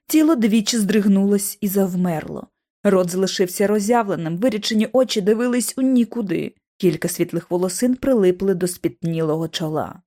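A woman reads a novel aloud in a scripted narration voice of middle pitch. Her delivery is expressive and steady. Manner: expressive reading that voices each character. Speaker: audiobook narrator.

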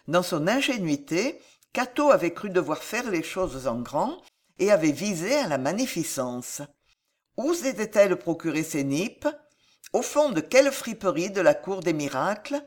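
A woman narrating a historical novel as an audiobook reader, in measured, expressive storytelling. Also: lowish voice.

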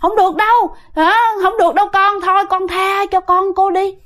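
A woman's voice: very high voice, animated, normal speed, voice pushed up. A woman playing a desperate pleading mother. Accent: Southern Vietnamese. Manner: urgent, pleading. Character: frightened mother begging to save her son.

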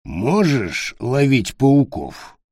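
A man voicing a gruff, dim male forest dwarf who speaks slowly and haltingly, in broken phrases, as if words were foreign to him. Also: mid-range voice, big pitch swings, darkish tone, no room sound, studio quality, exaggerated voice. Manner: slow halting broken speech.

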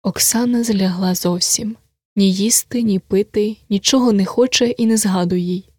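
Hushed woman narrating a classic story. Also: medium pitch, moderate pace, no room sound, clean studio sound.

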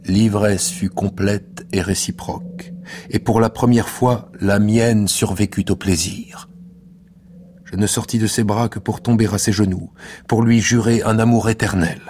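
A man giving a measured, intimate and theatrical radio reading of a classic novel in the first person. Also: fairly low pitch, a little mellow, a little hiss or hum. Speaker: reader.

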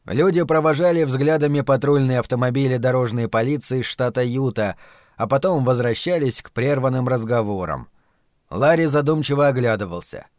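A man narrating an audiobook in a measured, even reading. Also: mid-range voice, no room sound, studio quality.

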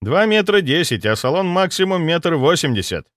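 A practical ex-commando driver states things plainly and bluntly, in a pitch pushed well up, as a male narrator puts him on. The delivery is lively and dry, recorded close for an audiobook. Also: normal speed, no room sound. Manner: blunt and matter-of-fact. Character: former special-forces driver, blunt, practical man.

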